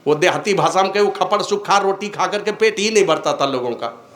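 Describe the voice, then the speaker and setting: An older man, a spiritual teacher, gives a devotional discourse, swinging between raised exhortation and low, slow asides. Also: lively intonation, a bit bright, echoey room.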